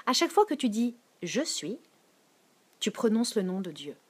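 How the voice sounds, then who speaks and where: A woman with a Quebec French accent giving a casual, animated sermon, reading and answering viewers' comments as she goes. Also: normal speed, slightly rough. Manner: animated, switching to soft low tones for scripture. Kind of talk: informal live-stream sermon.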